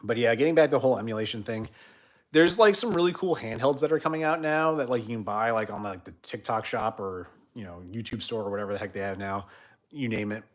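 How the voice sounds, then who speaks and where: A young man hosting a casual livestream chat, rambling with many fillers and trailing off quietly at the ends of sentences. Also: on the low side, fast. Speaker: host.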